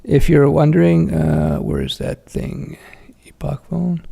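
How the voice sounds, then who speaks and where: Slow and level in tone, this middle-aged man's fairly high voice sounds gravelly, dark and slightly rough. Hosting a casual livestream Q&A, he reads viewer questions aloud and responds frankly and chattily, full of fillers, restarts and self-corrections.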